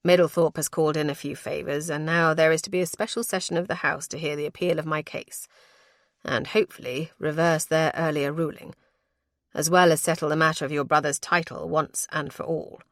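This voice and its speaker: A woman voicing an affectionate young lord, speaking low, wry and murmuring to his new wife. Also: steady tone, a little fast, no room sound, clean studio sound. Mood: tender.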